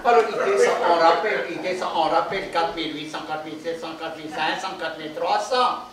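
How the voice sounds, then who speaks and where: A man's voice: on the high side, a little fast, a crowd in the background. A man telling jokes on stage, chatty, sprinkling his lines with "hein". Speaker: joke teller. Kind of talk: live stand-up storytelling. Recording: echoey hall, voice from far off.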